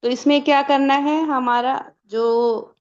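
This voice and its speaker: A woman with a fairly high voice teaching a pronunciation lesson at a slow, careful pace. She poses questions and answers them herself, drawing out each sample sound. The recording is somewhat dull and muffled. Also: steady tone. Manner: explains slowly, asks and answers her own questions, drawn-out sample sounds. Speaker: Quran recitation teacher. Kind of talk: step-by-step lesson.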